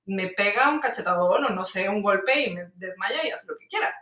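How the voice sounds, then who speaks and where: Bright-voiced woman telling stories. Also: medium pitch, moderate pace, reverberant, distant mic. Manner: animated anecdotes with many fillers. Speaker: storyteller in a chat. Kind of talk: casual chat.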